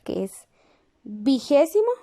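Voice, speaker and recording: A woman teaching a lesson, speaking patiently and pausing to check in with the class. She repeats each word slowly while writing it down. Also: high voice, sing-song, warm tone. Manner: checks in with the class through questions. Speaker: language teacher.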